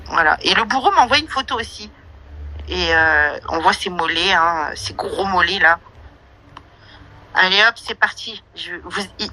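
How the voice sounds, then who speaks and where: Brash, bright-voiced slangy woman. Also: mid-range voice, poor audio. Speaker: host of an online audio room. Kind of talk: casual monologue with listener questions.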